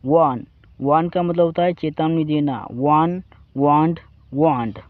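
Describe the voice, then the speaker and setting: Man, Indian accent, English teacher, slow repetitive drilling, slightly high voice, dry close sound. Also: dry recording, phone-quality sound. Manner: slow drilling recitation, addresses viewers as friends. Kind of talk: vocabulary lesson, reciting verb forms.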